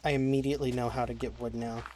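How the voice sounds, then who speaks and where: This let's-play creator is a young man who talks fast and flat in a mid-range, darkish voice. He rambles through his game commentary, frustrated, cursing and starting sentences over. There's slight background noise along with faint keyboard clicks.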